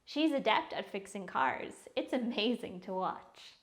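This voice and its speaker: A young woman teaching English vocabulary, saying each new word slowly several times in a scripted lesson. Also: mid-range voice, expressive. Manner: slow, careful pronunciation drills with repeated words.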